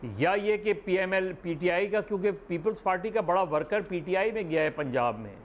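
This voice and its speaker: A man giving deliberate, hedged political analysis as a talk show guest, thinking aloud as he speaks. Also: sits high, lively intonation, dull audio, a little hiss or hum.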